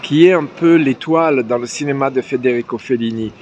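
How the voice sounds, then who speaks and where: A man's voice: mid-range voice, a little fast, a little mellow, muffled recording. A man acting as interviewer and guide, asking questions and commenting on location outdoors. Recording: faint background noise on location.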